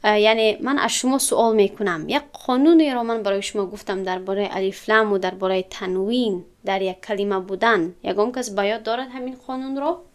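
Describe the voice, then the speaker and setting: Clear-voiced woman teaching a class. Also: mid-range voice. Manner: explains step by step, asks students questions. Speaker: Arabic grammar teacher. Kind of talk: classroom lesson.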